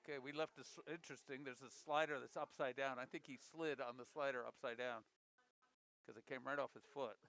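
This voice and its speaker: A man's voice: medium pitch, fairly even intonation, brisk, vocal fry, a bit bright. A man giving casual, chatty live curling commentary, with folksy jokes and repeated calls.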